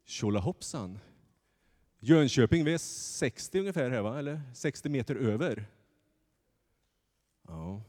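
A man preaching a lively sermon from the pulpit in a church, acting out the story as he goes. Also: medium pitch, pauses often. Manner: animated, acts out the story's voices. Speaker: pastor. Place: church sanctuary. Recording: long church reverb.

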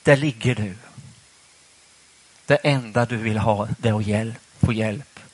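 A man preaching a sermon in church, asking the congregation questions in a conversational way. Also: on the low side.

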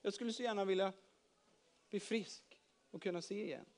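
A man's voice: high-pitched, fairly even intonation, natural voice. A man voicing a blind man in a children's Bible story, who speaks hesitantly and stammers. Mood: timid. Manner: hesitant, stammering when quiet. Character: blind man, timid then overjoyed.

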